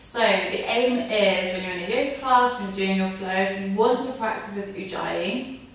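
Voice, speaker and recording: Echoey, distant woman teaching yoga. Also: medium pitch. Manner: informal, instructive, demonstrating step by step. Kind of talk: spoken yoga breathing tutorial. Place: echoey room, mic at a distance. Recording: very echoey room, distant mic, faint noise.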